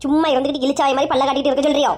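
A middle-aged woman with a Kanyakumari Tamil accent plays a nagging, sharp-tongued mother in a comic family skit. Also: high-pitched, level tone, rapid-fire, lightly acted. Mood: scolding.

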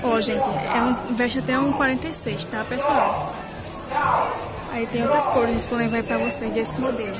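A woman's voice: on the high side, steady tone, normal speed. A woman chatting through a shopping vlog at a market stall, recorded on a handheld phone and constantly checking in with viewers. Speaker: vlogger showing wholesale suppliers. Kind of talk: casual shopping vlog walkthrough. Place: indoor clothing market stall. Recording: loud market crowd and music.

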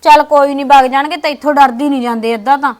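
A woman playing a grown married daughter who gently calms her mother down. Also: high voice, quick pace, close to an everyday voice. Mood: soothing. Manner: soothing, pleading.

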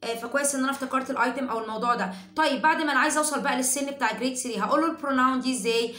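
A woman's voice: sits high, racing, pushed and bright, reverberant. A woman with an Egyptian Arabic accent, an English teacher, explaining a lesson to parents in a chatty way and breaking into short chanted drills.

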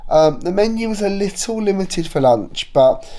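A man talks his way through a holiday vlog, his voice a little hoarse from a cold. He rambles in an easy, chatty manner, filling gaps with ums and uhs. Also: high-pitched, lively intonation, moderate pace, mellow. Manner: chatty, rambling with many fillers. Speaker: travel vlogger. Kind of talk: casual vlog narration.

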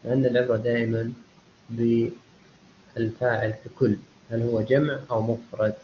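A man teaches a university English class in a live online lecture, explaining step by step, often checking that students follow, and mixing Arabic explanation with English examples. His voice is medium-pitched, level and mellow at a normal pace, and the audio is dull and lo-fi with slight background noise.

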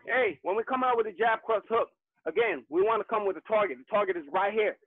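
A man's voice: high-pitched, quick pace, dry recording. A man working as a boxing coach, calling out punch combos in short, informal, encouraging bursts over a video call. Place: online group video class. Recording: tinny phone-like video-call audio.

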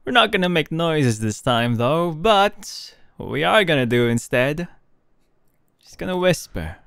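A young man voicing a gentle, teasing male hero who speaks softly with little laughs in a fan audio roleplay. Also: fairly high pitch, sing-song, measured pace, vocal fry, smooth, dry recording, studio quality, heavily acted. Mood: playful.

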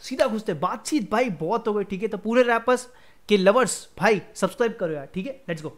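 A man's voice: sits high, animated, fairly quick. A young man hosting a music reaction video, chatting casually and energetically while mixing in English phrases.

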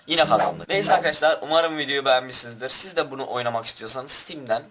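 A man's voice: mid-range voice, expressive, fast talker, noisy background. A young man giving rowdy, crude commentary over his own gameplay and barking orders at his troops. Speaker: gaming youtuber.

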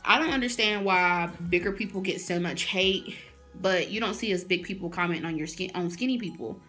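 Young woman in her twenties, bright voice, blunt fired-up vlog rant, faint music behind. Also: lowish voice. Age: early 20s. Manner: blunt, fired-up, swears freely. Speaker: vlogger. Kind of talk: casual direct-to-camera rant. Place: small indoor room.

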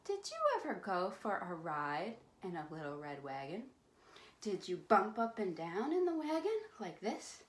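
A woman librarian leading a children's rhyme time, speaking slowly and playfully in a sing-song voice. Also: mid-range voice, wildly swooping pitch. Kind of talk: children's storytime with rhymes and songs. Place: library room. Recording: roomy echo.

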